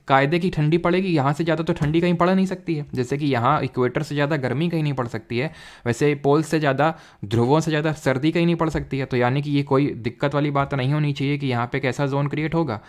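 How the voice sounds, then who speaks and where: A man teaching an exam-prep geography lesson, explaining while he draws and repeating key terms. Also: medium pitch.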